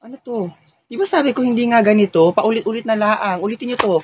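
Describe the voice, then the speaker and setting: A man voicing a strict, exasperated female teacher who scolds in a drawn-out way. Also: high voice, slightly rough, no echo, dull audio. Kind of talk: comedy skit voice acting.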